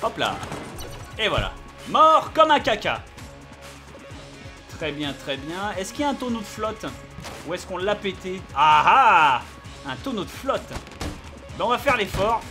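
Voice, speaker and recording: A man giving live gameplay commentary as a let's play host, excitable, yelping and swearing at the action, with game music behind him. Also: high voice, moderate pace.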